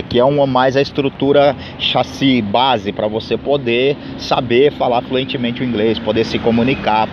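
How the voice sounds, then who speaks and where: A man with a Brazilian Portuguese accent teaches an informal English lesson at a mid-range pitch. He repeats each number in Portuguese and then English and fills pauses with hesitations. The audio is dull and low-fidelity, with faint street traffic behind him.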